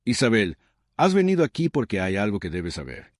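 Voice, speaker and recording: A man voicing a radiant, kind divine male being who speaks in a gentle, solemn, measured way. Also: fairly low pitch, sing-song, no echo, clean studio sound.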